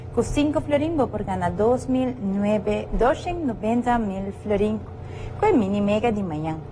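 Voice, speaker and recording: Higher-voiced woman, very noisy recording. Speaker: lottery draw host. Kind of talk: TV lottery draw announcing. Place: television studio. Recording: very noisy broadcast audio.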